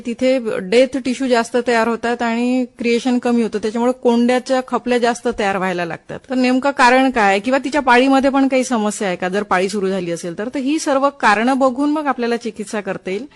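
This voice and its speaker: A woman, a doctor giving explanatory, instructive advice on a phone-in. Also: fairly high pitch. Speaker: Ayurvedic doctor, studio guest.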